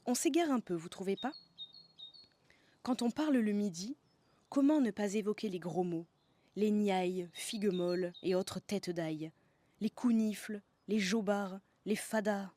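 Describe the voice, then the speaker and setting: A woman's voice: medium pitch, measured pace, dark tone. A woman from the south of France, narrating a scripted podcast as host in a playful way, savouring slang words.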